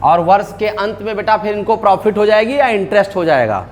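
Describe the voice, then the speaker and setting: A man's voice: high-pitched, expressive, fairly quick, a little hiss or hum. A middle-aged man teaching accounting in a classroom, mixing English terms into his talk and checking in with his students. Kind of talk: classroom lecture.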